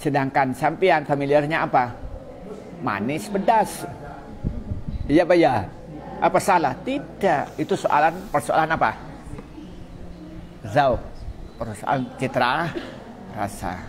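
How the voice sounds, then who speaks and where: Man from Madura, religious teacher, somewhat high voice, keeps asking his listeners questions and answering them himself, faint noise behind. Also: animated, slow, pauses often. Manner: mixes Arabic quotations into the talk. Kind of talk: casual religious lesson.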